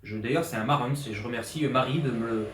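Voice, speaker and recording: A man's voice: mid-range voice, fast talker, fairly bright tone, slight background noise. Rambling young man in an echoey room. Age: 20s. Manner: rambling, many restarts and fillers, fired-up. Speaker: fitness coach. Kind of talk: informal year-review vlog. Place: his flat in an apartment building. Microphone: borrowed pro journalist mic.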